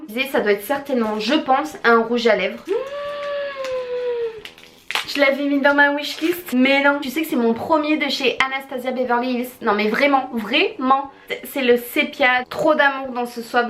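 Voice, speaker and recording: A woman's voice: on the high side, a bit bright. A young woman vlogging as she unboxes gifts, gushing and exclaiming to her viewers and to the friend who sent them. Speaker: beauty vlogger. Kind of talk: excited unboxing chat.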